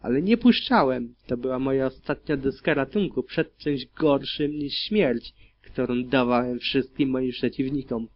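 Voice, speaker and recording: Male narrator, grim audiobook reading, steady delivery, lo-fi sound. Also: medium pitch, measured pace. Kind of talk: first-person audiobook narration of dark fan fiction. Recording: dull lo-fi recording.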